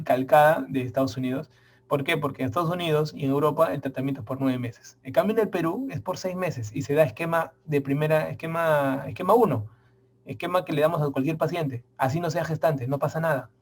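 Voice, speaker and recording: A man's voice: a little high, steady tone, a little fast, a little hiss or hum. Emphatic man lecturing on medicine. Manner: emphatic, repeats key points, addresses students directly. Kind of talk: medical exam prep lecture.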